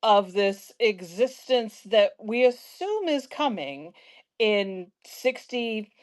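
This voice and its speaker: A woman in her fifties from South Central Pennsylvania, hosting a casual conversation and telling stories with lively asides. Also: medium pitch, takes it slowly. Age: 50s. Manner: storytelling, animated asides. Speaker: host.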